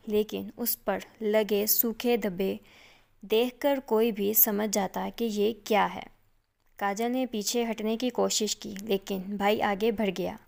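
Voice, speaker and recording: A woman reading a suspense story aloud in a measured, dramatic way. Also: medium pitch, gravelly, a little mellow. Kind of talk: scripted suspense narration.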